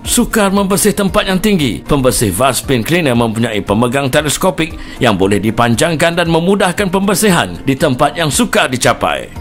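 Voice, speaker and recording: Animated Malaysian man, infomercial voice-over. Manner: emphatic, promotional pitch. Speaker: home-shopping announcer.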